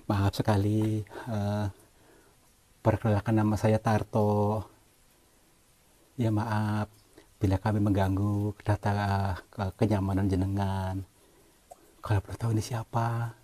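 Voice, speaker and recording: A man talks softly and apologetically inside a cave, stumbling over fillers and apologies. His voice is dark and mellow, slightly husky, and sits low. The recording is an on-location vlog. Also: flat delivery, slow, long pauses. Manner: hesitant, apologetic, many fillers. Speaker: cave-exploring vlogger. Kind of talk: hushed polite on-location talk.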